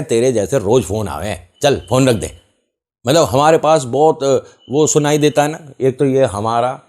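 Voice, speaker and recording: A man's voice: medium pitch, a little mellow. A man hosting a YouTube channel, telling a story in casual chat and acting out the voices of the people he quotes.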